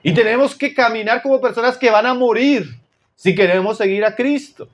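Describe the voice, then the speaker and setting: A man from Chile preaching a sermon, addressing his listeners as brothers and dropping to low, intense tones for emphasis. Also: normal speed.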